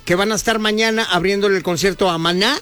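A man's voice: high-pitched, fast talker. A man with a Mexican accent hosting a radio show, joking and teasing his co-host and callers. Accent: Mexican Spanish. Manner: joking, playful, animated. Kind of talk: lively radio banter.

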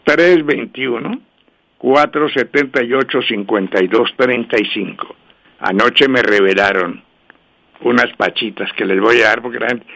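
A man hosting a weekend radio show, reading out lucky numbers and phone numbers in a brisk, repetitive way and slowing down to spell them out. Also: mid-range voice, pushed and bright. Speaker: radio host and numerologist.

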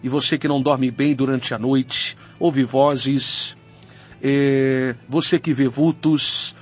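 A man's voice: mid-range voice, flat delivery, slow, slightly rough. A man reading a church radio schedule, urging listeners earnestly to come to services. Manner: earnest, urgent invitation. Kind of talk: scripted radio announcement. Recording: dull lo-fi radio sound.

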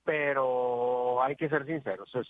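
A man's voice: mid-range voice, fairly even intonation, takes it slowly, no echo. A man calls a sports radio show over a phone line, earnestly giving his football opinion and repeating words as he searches for them. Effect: heard over a phone line. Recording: tinny phone line with faint hiss.

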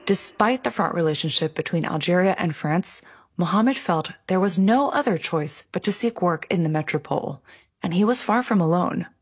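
Female narrator for a scripted documentary; lowish, breathy-rough voice. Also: lively intonation, moderate pace.

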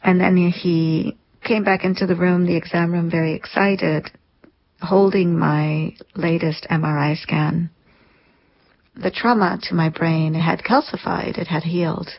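A woman's voice: on the low side, fairly even intonation, unhurried, vocal fry, slightly rough. A woman in her thirties, an interview guest, telling a personal story in an earnest, reflective way. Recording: lo-fi dull sound.

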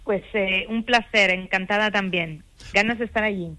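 A middle-aged woman from Spain, an author speaking as a guest in a radio phone interview, measured and earnest with some hesitations. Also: mid-range voice, fairly even intonation, bright, forceful tone, no echo.

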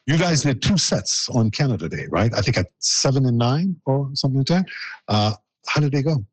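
A man's voice: medium pitch, very animated, a little fast, breathy edge, no echo, rough recording. A man hosting an interview with a band, joking and teasing in an upbeat way. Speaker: host. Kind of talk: playful broadcast interview.

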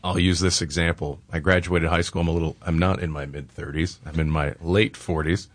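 A man in his late forties talks on the radio in a deep, low voice. He moves quickly through an anecdote, with plenty of filler words along the way. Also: fairly even intonation. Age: 40s. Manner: chatty, anecdotal, with filler pauses. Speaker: radio co-host. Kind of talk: casual radio chat.

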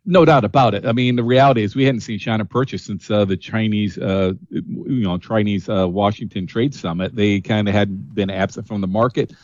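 A man giving a market commentary over the phone as a grain analyst, brisk and full of figures. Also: fairly low pitch, fairly even intonation, darkish tone, no room sound. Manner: brisk, figure-heavy, uses frequent "uh" fillers. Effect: heard over a phone line. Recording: muffled phone line, dry.

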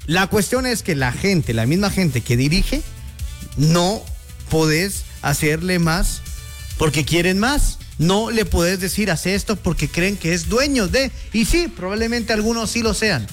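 A man co-hosting a sports talk show, speaking in an animated, excitable way with halting restarts. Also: sits high, faint music behind. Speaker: sports commentator. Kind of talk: casual talk show chat.

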